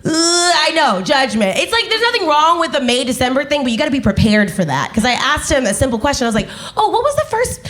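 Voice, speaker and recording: A woman in her twenties performing a stand-up comedy set on a club stage, animated and acting out other people's voices. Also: high-pitched, fast talker, few pauses.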